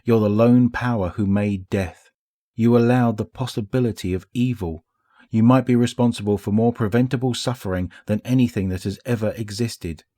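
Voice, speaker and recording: A man voicing a gentle, teasing woman companion who probes with playful questions while reading an audiobook. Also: lowish voice, fairly even intonation, normal speed, no echo, studio quality, close to an everyday voice. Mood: earnest.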